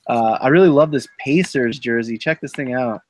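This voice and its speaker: A man's voice: medium pitch, normal speed. A man in his thirties hosting a live online selling stream, chatting casually and rambling through a long childhood story with lots of fillers and restarts. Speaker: host of a live eBay listing stream.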